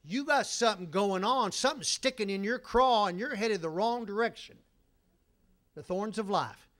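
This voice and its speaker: High-voiced man preaching a sermon. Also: moderate pace, fairly bright tone. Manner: conversational storytelling with sarcastic humor. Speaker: pastor.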